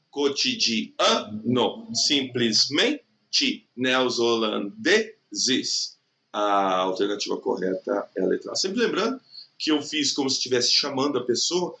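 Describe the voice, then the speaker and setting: A man teaching an exam prep lesson in Brazilian Portuguese, chatty and checking in with the listener often, stretching words out slowly to show the stressed syllable. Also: medium pitch, pushed and bright. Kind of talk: recorded online lesson.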